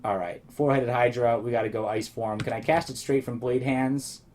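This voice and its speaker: Narrating his gameplay casually, a let's play host rambles and thinks out loud, his voice slightly going and a bit worn. He speaks in a mid-range, darkish voice at a steady, normal speed, with a little hiss or hum.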